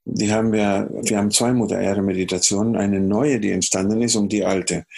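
Chilean guy with a chilean spanish accent, music producer on a podcast, husky and lowish voice, acts out voices and hums melodies. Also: a little fast. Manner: animated storyteller who hums melodies and acts out dialogue. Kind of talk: casual podcast interview storytelling.

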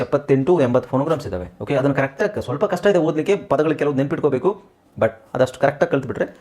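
A man's voice: mid-range voice, a little mellow. A man with a Kannada accent teaching English phonics, drilling words one by one and checking that students follow. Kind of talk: phonics lesson.

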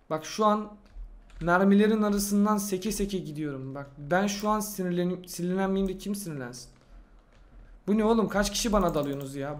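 A young man giving casual, excitable gameplay commentary, talking to himself and boasting in slangy speech. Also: high-pitched. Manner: excitable, talks to himself while playing. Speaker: gaming YouTuber.

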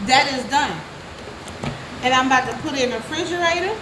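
A woman's voice: high-pitched, brisk. A young woman, chatting to viewers in a casual cooking vlog, recorded on a phone at arm's length in a home kitchen. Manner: chatty, talks straight to viewers. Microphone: phone held at arm's length. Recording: echoey kitchen, background noise.

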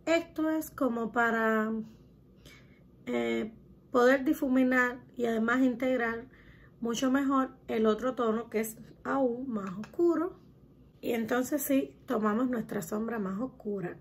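A woman's voice: a little high, a little slow, slightly rough. A young woman hosting a step-by-step makeup tutorial, talking in a chatty way to her viewers and using lots of diminutives. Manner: chatty, addresses viewers as girls, uses many diminutives.

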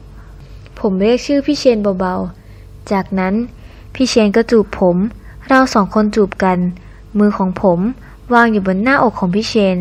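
A woman narrating a scripted audio novel in an even, storytelling way. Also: mid-range voice.

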